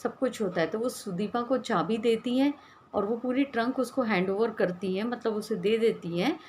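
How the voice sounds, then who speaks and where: A woman's voice: a little high, normal speed, a little mellow, slight background noise. Conversational woman storyteller. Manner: conversational, retelling with many "she says" links. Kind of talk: casual story narration.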